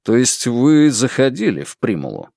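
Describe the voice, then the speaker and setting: A man's voice: medium pitch, huge pitch swings, normal speed, vocal fry, dark tone, no echo, exaggerated voice. A man voicing a dry, practical male detective in an audiobook, blunt and matter-of-fact. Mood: businesslike. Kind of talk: audiobook character voice.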